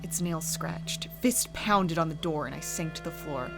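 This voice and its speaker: Gothic horror storyteller played by a woman: earnest haunted brother, low haunting measured delivery, prominent music bed. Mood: hushed dread. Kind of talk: dramatic first-person horror story narration. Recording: music behind the voice.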